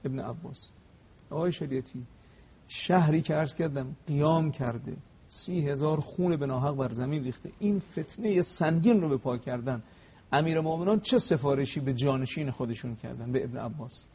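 A man, a religious scholar on a talk show, telling religious history in an emphatic, storytelling way, slowing to recite Arabic phrases. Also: mid-range voice, slightly rough, highs cut off. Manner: emphatic, rising to stressed peaks, slows to recite Arabic.

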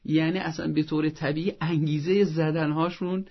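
Gravelly man giving parenting advice. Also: fairly high pitch, little pitch movement, lo-fi sound. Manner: didactic, earnest, acts out parents' scolding in a raised voice. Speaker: parenting expert guest. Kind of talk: advice talk on a show.

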